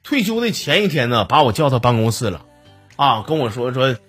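A man's voice: medium pitch, sing-song, brisk, a bit bright, husky, soft background music. A man with a Northeastern Chinese accent hosting a podcast, telling comic stories in a chatty way and acting out the voices. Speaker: podcast host telling jokes. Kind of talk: casual comic storytelling.

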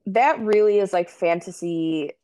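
A woman's voice: medium pitch, measured pace, crowd noise, low-quality recording. Giggly rambling woman podcast host. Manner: giggly, rambling, full of fillers. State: high. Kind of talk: casual chat.

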